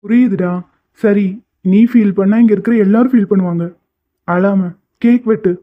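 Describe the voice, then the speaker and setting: A performer voicing a caring, affectionate young husband in a cartoon, speaking gently and soothingly. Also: medium pitch, normal speed, lightly acted. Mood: gentle. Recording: tinny phone-like audio.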